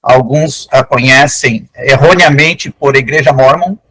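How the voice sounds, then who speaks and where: A man's voice: medium pitch, unhurried, sharp tone, slightly rough, low-quality recording. An older man giving an online lecture as a guest genealogist, explaining in an enthusiastic, conversational way over a video call.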